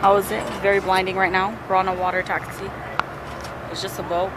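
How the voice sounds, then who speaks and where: A woman's voice: medium pitch, flat delivery, fairly quick. A young woman filming a casual travel vlog on her phone, chatty and gushing over every view as she walks through busy city spots and rides a boat. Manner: chatty, gushing, easily impressed. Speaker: vlogger. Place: outdoors in a busy city, on a boat and in crowded public spaces. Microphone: handheld phone camera. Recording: noisy phone video in crowds. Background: crowd chatter and loud street and water noise.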